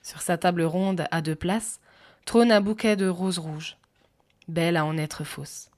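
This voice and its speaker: Calm woman narrating a sleep story. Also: on the low side, measured pace. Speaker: audiobook narrator. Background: faint music.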